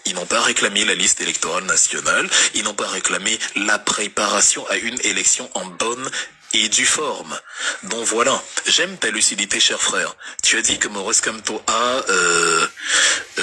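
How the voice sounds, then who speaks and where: A man's voice: lowish voice, bright, forceful tone, husky. A man with a light Cameroonian French accent, giving an impassioned political monologue on a livestream, repeating himself with stammering restarts. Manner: emphatic, repetitive, stammering restarts. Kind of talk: impassioned political monologue reacting to viewer comments.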